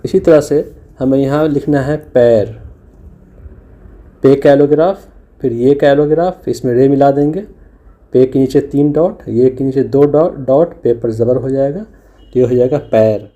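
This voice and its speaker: A man's voice: medium pitch, a little slow, warm tone. A man teaching Urdu letters over slides, patiently sounding out letters and syllables one by one. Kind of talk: recorded lesson explaining a slide.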